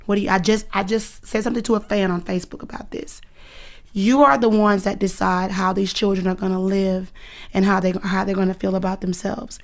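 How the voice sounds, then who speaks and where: A dance coach in her thirties answers interview questions with a medium-pitched voice. She comes across as earnest, emphatic, and protective.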